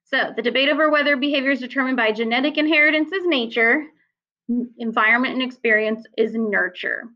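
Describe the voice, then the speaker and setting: High-voiced woman teaching a lecture. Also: brisk, bright, forceful tone. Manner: explanatory, conversational with fillers. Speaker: psychology teacher. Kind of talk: recorded lecture. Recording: slightly dull lo-fi sound.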